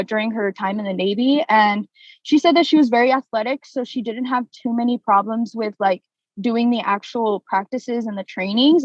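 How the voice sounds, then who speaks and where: A woman's voice: on the high side, no echo, muffled recording. A young woman, a political science student, presenting a class project in a casual way, with many fillers and restarts. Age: young adult.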